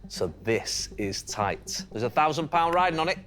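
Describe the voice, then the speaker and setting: This Mancunian quiz show host has a fairly high, fairly bright voice with a sing-song lilt and moderate pace, over a little hiss or hum. Working in a TV studio, he's upbeat and encouraging, ramping up suspense on each answer.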